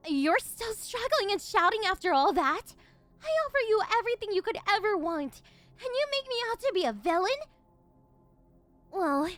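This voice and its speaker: A woman performs a possessive yandere villainess in an audio ASMR role-play. Her voice is high and swoops widely, slipping between sugary, teasing coos and unhinged, domineering commands, with music underneath. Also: darkish tone. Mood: indignant, menacing. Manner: cooing, teasing baby-talk turning domineering, unhinged villain. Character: possessive, gleefully unhinged yandere woman, condescending captor of catboy.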